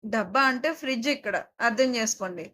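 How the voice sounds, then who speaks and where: A woman's voice: fairly high pitch, brisk, pitched below the performer's own voice. A woman voicing a playful little girl who wheedles and gushes in an audio story. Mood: wheedling. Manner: wheedling, excited.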